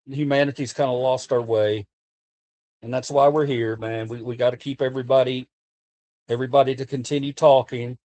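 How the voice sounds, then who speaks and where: With a mellow, level, mid-range voice and a brisk pace, this American streamer chats with viewers via his desk mic. He comes across as earnest and passionate, ad-libbing and repeating himself or restarting as he goes.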